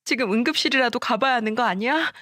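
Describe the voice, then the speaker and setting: A woman's voice: fairly high pitch, fast, a bit bright, no room sound, studio quality, pitched above the performer's own voice, lightly acted. Woman voicing a pleading guilty younger sister. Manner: pleading, anxious.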